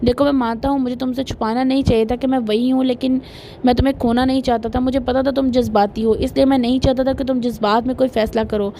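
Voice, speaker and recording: A woman reading the lines of a devoted young husband who coaxes and apologizes earnestly, in her own fairly high voice. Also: level tone, warm tone, slight background noise. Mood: coaxing, earnest. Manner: coaxing, earnest.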